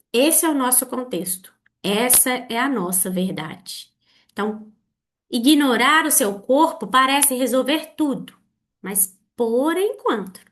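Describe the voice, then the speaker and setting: A woman's voice: on the high side, a bit bright. A woman with a Brazilian Portuguese accent, hosting a therapy podcast, speaking earnestly to listeners with repeated rhetorical questions. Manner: earnest, repetitive rhetorical questions, slow halting delivery. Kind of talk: reflective monologue addressing listeners.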